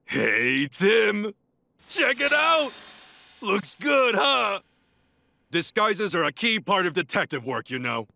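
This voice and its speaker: A man's voice: sits high, big pitch swings, slow, creaky, bright, forceful tone, no room sound, full character voice. A man playing a small, cocky, coffee-loving creature detective in a video game, with a wry, casual manner. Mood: cocky, playful. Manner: wry, self-satisfied, casual. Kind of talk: video game cutscene acting.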